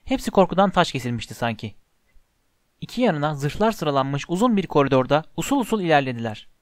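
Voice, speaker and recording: A man's voice: fairly high pitch, no room sound. Man reading a story, dry close sound. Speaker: audiobook narrator. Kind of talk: scripted storybook narration.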